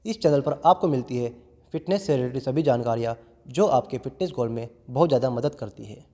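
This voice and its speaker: A man's voice: medium pitch, a little fast, warm tone. A young man in his twenties, a gym owner, earnestly explaining fitness to camera in a large indoor gym through a lapel mic. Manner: earnest, explanatory, addresses viewers as friends. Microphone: clip-on lapel mic held in hand. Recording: long reverb of a gym hall.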